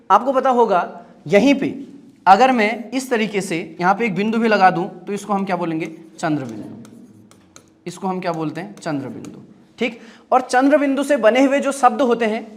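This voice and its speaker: A man teaching a grammar lesson, asking questions and answering them himself, repeating key terms and checking that students follow. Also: high-pitched. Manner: drills by asking and answering his own questions. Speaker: Hindi teacher.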